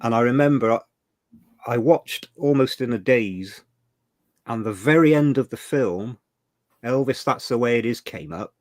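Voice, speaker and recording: An older Englishman co-hosts a livestream, reminiscing casually about old times in a chatty, emotional way with a bit of mild swearing. His medium-pitched voice is measured and darkish in tone. The sound is clean studio quality, with no echo.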